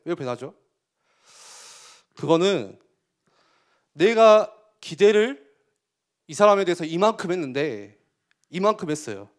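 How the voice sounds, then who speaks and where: A man giving a youth sermon, asking the listeners questions and acting out quotes with sudden loud bursts. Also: high voice. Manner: animated, asks the listeners questions. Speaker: youth pastor.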